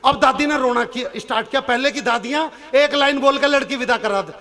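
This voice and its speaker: High bright-voiced man telling stage jokes. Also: a little fast. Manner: acts out characters' lines in shifted voices; turns earnest and preachy near the end. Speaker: stage comic poet. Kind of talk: comic storytelling at a poetry stage show. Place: outdoor or hall stage before a live audience.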